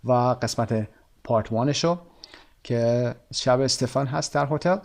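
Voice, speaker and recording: A male English teacher with a Persian accent, at a middle pitch. He says each English example slowly and with care, then explains it briskly in his first language. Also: creaky. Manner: switches between careful slow English examples and quick explanations. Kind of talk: recorded language lesson.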